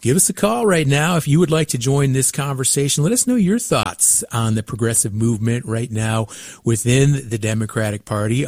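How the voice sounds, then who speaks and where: A man's voice: medium pitch, darkish tone, no room sound. An American man with a mid-range voice hosts a radio call-in show. His delivery is scripted and presenterly, on a close, dry studio microphone. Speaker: radio talk show host.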